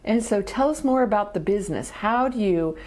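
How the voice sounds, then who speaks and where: In a friendly interview, a woman hosts and asks questions with enthusiasm and encouragement. Her mid-range voice is a little mellow, lively in intonation, and slightly fast.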